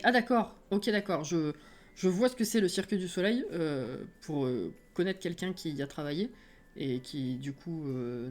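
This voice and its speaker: A woman with a French accent, streaming live and chatting casually with her viewers, self-mocking and quick to laugh. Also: on the low side.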